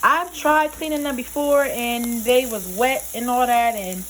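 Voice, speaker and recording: A woman's voice: a little high, unhurried, a bit bright, a little hiss or hum. A young adult woman chatting casually to viewers while cooking in her home kitchen, folksy and talkative. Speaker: cooking vlogger.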